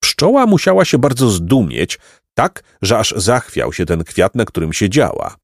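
A man reading a children's story aloud in an animated storytelling manner. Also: on the low side, a little slow, no room sound, clean studio sound. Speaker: narrator. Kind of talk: scripted children's story narration.

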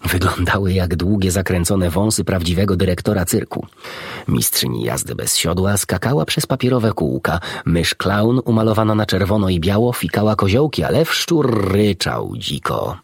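A man narrating a children's storybook in an expressive, animated reading. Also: deep voice, moderate pace, slightly rough, no echo, studio quality. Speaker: audiobook narrator.

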